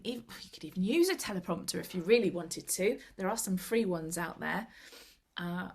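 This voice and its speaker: A woman speaking over a laptop video call, chatting easily and sharing practical tips. She laughs often and acts out little quotes from her own experience. Her pitch sits in the middle. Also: slightly rough. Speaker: club member giving tips. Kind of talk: casual video call chat.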